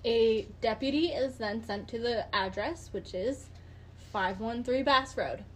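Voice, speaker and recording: A woman's voice: fairly high pitch, unhurried, a little hiss or hum. A woman hosting a casual true-crime podcast with friends, telling the case with dry sarcastic asides and laughs. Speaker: podcast host.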